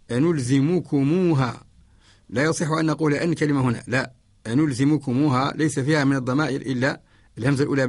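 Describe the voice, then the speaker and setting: Male teacher, dry close sound, methodical radio lesson with slow, drawn-out examples. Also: mid-range voice, creaky, breathy edge, dry recording. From Mauritania. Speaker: Quran orthography teacher. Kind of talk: radio lesson explaining a verse poem. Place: radio studio.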